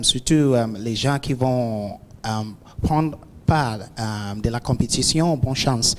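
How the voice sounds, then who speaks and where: Man, language coach; halting greeting with many fillers, echoey hall sound. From Ghana. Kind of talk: brief greeting at a live event. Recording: echoey hall, faint rumble.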